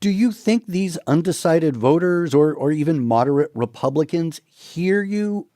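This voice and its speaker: Public radio host, male, slightly higher-pitched, soft mellow tone, measured interview questioning. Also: expressive, no room sound, clean studio sound.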